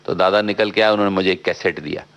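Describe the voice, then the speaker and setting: Male filmmaker guest, low and gravelly, an outspoken, animated radio-interview storyteller who mixes in English. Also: fast, dull audio. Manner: talkative and outspoken.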